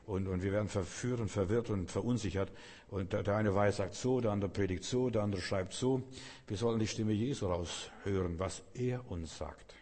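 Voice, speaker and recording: A man's voice: lowish voice, normal speed, a little mellow. A man preaching a sermon, speaking earnestly and addressing the listener directly. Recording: long reverb.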